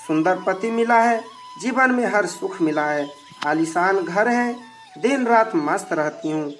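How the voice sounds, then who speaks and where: A narrator voicing a proud young wife who scoffs at worship in a devotional folk story, speaking slowly. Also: mid-range voice, expressive, faint music behind, lightly acted. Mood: dismissive.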